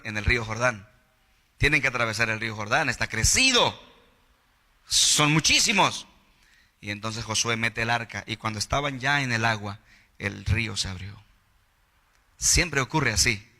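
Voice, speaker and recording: A Mexican pastor preaches with animated energy and acts out the voices of the figures in his stories. His tone is very bright and sharp. The sermon rings out with a long reverb in a church hall. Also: mid-range voice, normal speed. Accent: Mexican Spanish.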